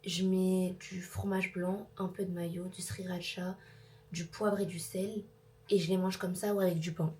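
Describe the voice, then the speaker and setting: A woman's voice: lowish voice, little pitch movement, unhurried, mellow, slightly rough. A woman in her twenties chatting casually in a home vlog, rambling and mixing in English words. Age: 20s. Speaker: vlogger.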